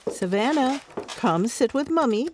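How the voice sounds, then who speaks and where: A woman's voice: high-pitched, expressive, measured pace, noisy background. A woman playing a prim, weary mother who coaxes her difficult daughter with patient, careful talk.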